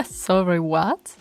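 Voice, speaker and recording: A woman acts as a bossy, teasing werewolf pack alpha in an ASMR roleplay, issuing commands and frequently sliding into a breathy whisper. Her medium-pitched voice is mellow, and she sounds playfully skeptical.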